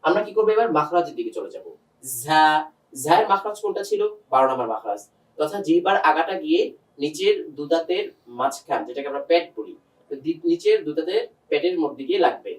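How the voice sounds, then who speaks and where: A man's voice: on the high side, expressive, fast, distant mic, rough recording. A man teaching Quran pronunciation one-on-one, patiently demonstrating single sounds and quizzing his student.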